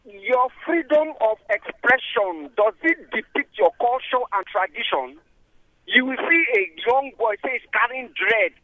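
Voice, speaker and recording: A man's voice: very high voice, dry recording. A Nigerian man calling in over the phone to a radio debate, preaching and firing rhetorical questions. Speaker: radio caller. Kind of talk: on-air debate. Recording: dry tinny phone line.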